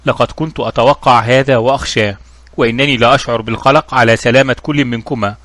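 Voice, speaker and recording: A man voicing a calm, shrewd young investigator in a storybook reading, with measured, questioning speech. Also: medium pitch, dry recording, natural voice.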